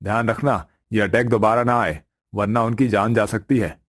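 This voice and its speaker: A man voicing a calm, grave doctor in a cartoon story, giving a measured warning. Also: on the low side, dry recording, studio quality.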